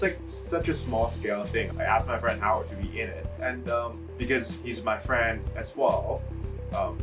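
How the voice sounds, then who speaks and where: Speaking in a low voice, this young adult filmmaker from Hong Kong gives easygoing interview answers, drifting from point to point and leaning on "like" and "you know." A distant mic picks him up, and music plays in the background.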